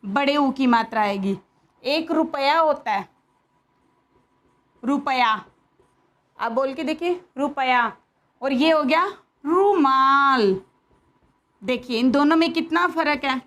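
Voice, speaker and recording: A woman teaching young children a lesson, patiently explaining and asking them questions. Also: sits high.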